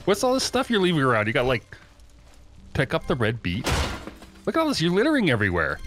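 Giggly gamer man, wildly animated pitch. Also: quick pace, over music. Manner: giggly, puzzled, easily amused. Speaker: co-op guest player. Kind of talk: casual let's-play banter.

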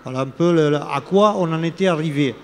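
A man in his sixties who holds local elected office speaks briskly in a fairly high, slightly mellow voice, with a little hiss or hum in the audio. Interviewed live on a fair-hall studio set with a red handheld microphone, he hesitates, using many fillers and restarting often amid faint hall ambience.

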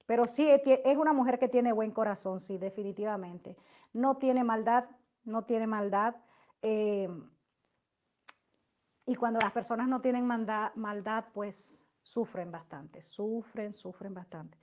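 A middle-aged woman hosting a live stream, reading out viewer messages and answering them in a loud, emotive, long-winded way. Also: on the high side, unhurried. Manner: loud, emotive, talks at length. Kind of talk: casual live chat.

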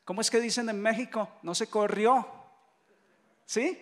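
High-voiced Colombian priest preaching in a reverberant hall. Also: male voice, a little slow. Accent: Colombian Spanish. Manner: lively storytelling preacher who mimics voices and jokes. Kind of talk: retreat sermon.

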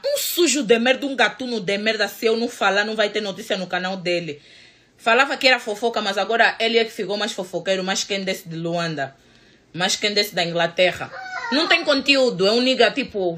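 A woman's voice: mid-range voice, sharp tone, a little hiss or hum. A woman from Angola with an Angolan Portuguese accent, ranting profanely to her vlog audience in a combative, mocking way and repeating her points. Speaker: vlogger. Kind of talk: angry profane rant to camera. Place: United States.

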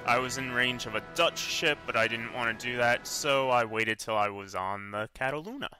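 A man's voice: mid-range voice, moderate pace, bright, forceful tone, soft background music. A man casually commenting on his own gameplay, rambling and correcting himself as he goes. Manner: rambling, self-correcting, offhand. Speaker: let's play commentator.

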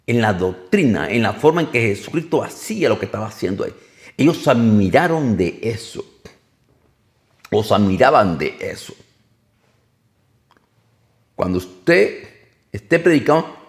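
A man preaching a sermon, emphatic, often repeating and correcting his phrases as he goes. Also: medium pitch.

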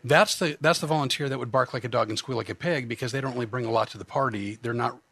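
Talking fast in a medium-pitched, slightly bright voice, a man who works as a comedian hypnotist guests on a podcast for casual chat. He's joking and self-deprecating and restarts often.

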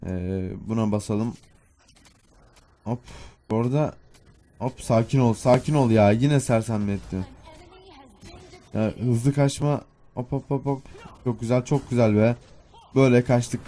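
A man's voice: on the low side, warm tone, a little hiss or hum. A young man giving casual, self-mocking commentary while playing a video game, muttering to himself as he plays. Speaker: gaming YouTuber.

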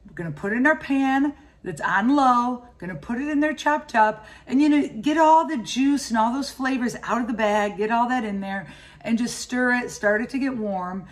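A woman's voice: fairly high pitch, moderate pace. Chatty middle-aged woman giving shopping tips. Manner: chatty, enthusiastic, practical tips. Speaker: cooking and grocery vlogger. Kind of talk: casual shopping and cooking walkthrough. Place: indoors at home and in a grocery store.

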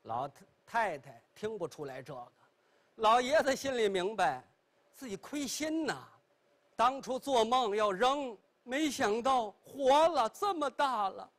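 A man telling a traditional pingshu story on a television stage, leisurely with chatty asides. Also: a little slow. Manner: leisurely, chatty asides, wide expressive pitch.

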